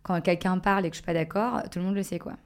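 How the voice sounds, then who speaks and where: Lowish hesitant woman podcast guest. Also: steady tone, racing. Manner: hesitant, reflective, many fillers and restarts. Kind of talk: casual podcast conversation.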